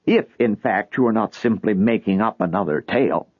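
A man voicing a scornful, sharp-tongued wife who mocks and scolds her husband, in a storybook reading. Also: on the low side, normal speed, breathy edge, dry recording. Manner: mocking, scolding. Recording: tinny phone-like sound.

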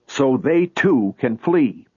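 A man's voice: medium pitch, very animated, slow, husky, dry recording, pitched above the performer's own voice, heavily acted. A man voicing an agitated, pleading old man who insists on a warning, in a storybook reading. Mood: urgent. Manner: urgent, insistent. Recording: tinny phone-like sound.

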